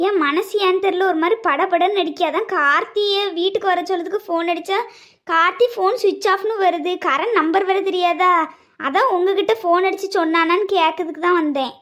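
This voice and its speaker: An anxious mother, voiced by a woman, frets in a cartoon drama. Her very high voice sounds uneasy throughout. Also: brisk, fairly bright tone. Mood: worried. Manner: worried, uneasy. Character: anxious mother fearing bad omens. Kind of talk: cartoon voice acting.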